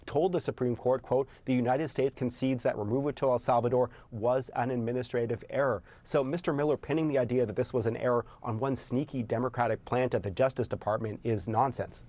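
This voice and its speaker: A man delivering a scripted news fact-check, laying out points one by one in a brisk, methodical way. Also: medium pitch, fairly even intonation, warm tone. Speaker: senior reporter, fact-checker.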